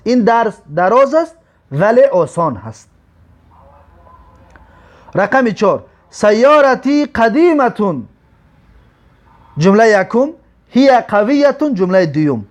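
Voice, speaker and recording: A man teaching an Arabic grammar lesson, drawing out example words slowly between quick explanations. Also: high voice, darkish tone. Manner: slow drawn-out example words, quick asides.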